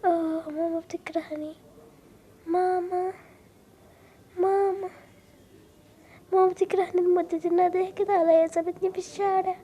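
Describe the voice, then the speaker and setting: Lost, tearful little girl, voiced by a woman for a game story; very high, soft voice, pleading and weepy. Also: a little hiss or hum. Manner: weepy, pleading calls for her mother. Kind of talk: Roblox story role-play voicing.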